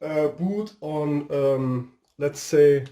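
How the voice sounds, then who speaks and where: Brief: Portuguese-accented man, a bit high-pitched and warm, casual tech reviewer, hesitant non-native English, drifts off topic. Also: extremely slow. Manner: rambling, hesitant, searching for words. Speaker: tech video host. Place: home room with a fireplace.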